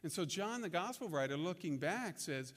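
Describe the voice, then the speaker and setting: A man with a notably high voice delivers a sermon to his congregation. His delivery is conversational and unpolished, with frequent restarts and repeated words. The sound carries the long reverb of a large church hall. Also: lively intonation, moderate pace, fairly bright tone. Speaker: pastor.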